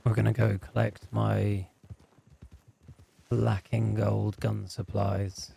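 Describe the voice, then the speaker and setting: A man speaking in character in a roleplay game, calm, firm and matter-of-fact. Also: lowish voice, takes it slowly, vocal fry, breathy edge. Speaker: roleplay gamer.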